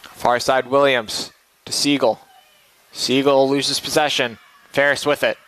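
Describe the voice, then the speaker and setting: A man's voice: medium pitch, level tone, measured pace, a bit bright, poor audio. A man calling live soccer play-by-play in clipped, running phrases. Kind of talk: live sports commentary.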